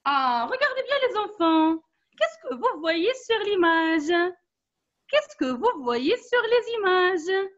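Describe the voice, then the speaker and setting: A woman teaching an online class for young children, speaking slowly and patiently, encouraging them and repeating instructions over a video call. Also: very high voice, big pitch swings, a bit bright. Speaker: primary school teacher. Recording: dull lo-fi online call audio.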